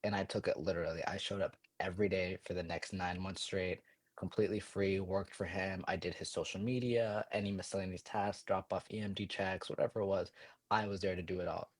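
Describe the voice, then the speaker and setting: A man in his twenties, a podcast guest, telling his story in a quick, energetic way full of fillers. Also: low voice, no room sound. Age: 20s. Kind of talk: casual storytelling.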